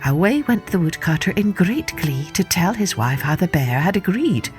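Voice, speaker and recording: A woman narrating a folktale for children in an expressive, measured way. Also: fairly low pitch. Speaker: storyteller.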